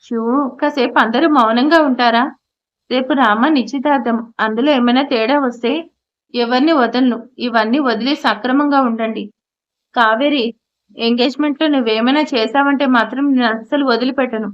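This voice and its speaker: Woman doing a stern bossy matriarch, threatening, high voice, muffled audio. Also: steady tone, normal speed, close to an everyday voice.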